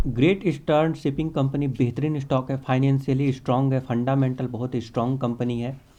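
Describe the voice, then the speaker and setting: Male host, mellow tone, confident casual market talk. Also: mid-range voice. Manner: confident, repeats stock phrases, mixes English terms into Hindi. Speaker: stock market channel host. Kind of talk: casual stock analysis.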